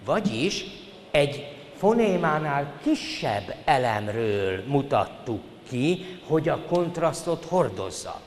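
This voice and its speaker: A man's voice: medium pitch, sing-song. An older man giving a formal university lecture, addressing the students politely and stressing his points with emphasis. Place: lecture hall. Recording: reverberant hall, faint hiss.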